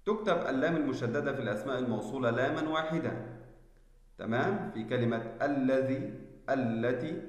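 A male teacher giving a spelling lesson, explaining slowly and deliberately and checking that students follow. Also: medium pitch. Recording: echoey room with long reverb.

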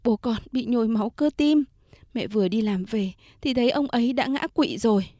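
A woman's voice: a little high, brisk, mellow, no room sound, studio quality, natural voice. A woman voicing a grieving country mother who speaks in a choked, sobbing way in a storybook reading. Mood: tearful.

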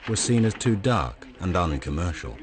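Brief: male documentary narrator, deep low voice, steady, even delivery. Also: normal speed. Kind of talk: scripted narration.

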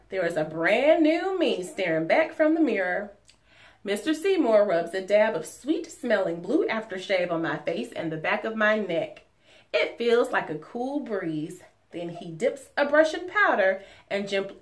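A woman in her forties, a teacher reading a children's storybook aloud at home in an expressive, animated way. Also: mid-range voice. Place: living room at home.

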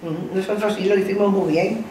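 A woman's voice: medium pitch, moderate pace. Elderly Spanish woman in a roomy, distant recording. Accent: Spanish from Spain. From Spain. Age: elderly, over 70. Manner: lively, repetitive, exclamatory. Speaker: interviewee recalling her past. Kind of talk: casual reminiscing, animated anecdotes with acted quotes. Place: living room at home, seated in armchair. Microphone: camera a few metres away. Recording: roomy, distant mic, background noise.

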